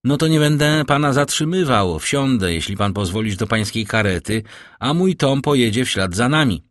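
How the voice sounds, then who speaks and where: A man reading an audiobook, voicing a greedy, excited young social climber who brags a lot. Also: medium pitch, moderate pace, no echo, studio quality, voice pushed up, close to an everyday voice. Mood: eager. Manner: bright, excited, boastful.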